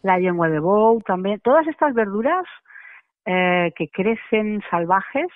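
A woman's voice: medium pitch, lively intonation, slow, no room sound. A woman, a macrobiotic cooking guest on a radio interview, chatty and explanatory, with many tag questions. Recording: dry, tinny phone line.

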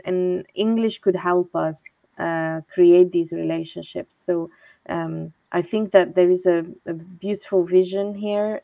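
A woman's voice: lowish voice, vocal fry, no room sound, lo-fi sound. A woman from Algeria with an Algerian accent, a course lecturer explaining her views earnestly in an online interview.

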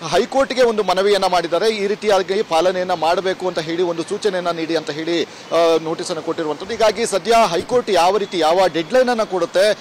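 A man reporting live outdoors beside a busy road, speaking haltingly with many fillers into a handheld mic. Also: high voice, slight background noise. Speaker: field reporter. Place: roadside outdoors by a mall.

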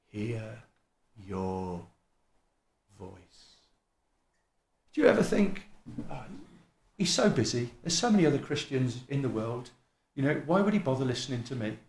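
Standing at a lectern in a small church hall, a middle-aged preacher whose East Midlands accent carries some Welsh gives a lively, chatty sermon, mocking himself and voicing other people. His mid-range voice is gravelly, recorded through a stand mic while a camera films from across the room.

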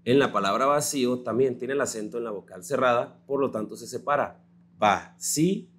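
A male teacher with a Mexican Spanish accent gives a recorded grammar lesson, slow and patient, spelling out words syllable by syllable. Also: medium pitch, fairly bright tone.

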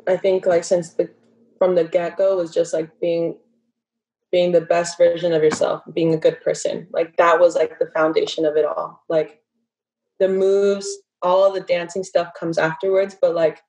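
A woman's voice: fairly low pitch, level tone, moderate pace, warm tone, low-quality recording. A woman in her twenties, a dancer and podcast guest, talking casually over a laptop video call and filling her speech with "like" and "you know". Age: 20s. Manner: chatty, many fillers like "like" and "you know". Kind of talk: casual interview conversation. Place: bedroom at home. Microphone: laptop webcam on a video call.

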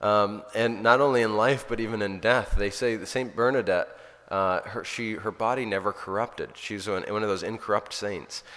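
Earnest priest in a reverberant hall. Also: male voice, lowish voice, steady tone, normal speed, a bit bright. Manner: earnest, storytelling, often restarts sentences. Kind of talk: informal spiritual talk.

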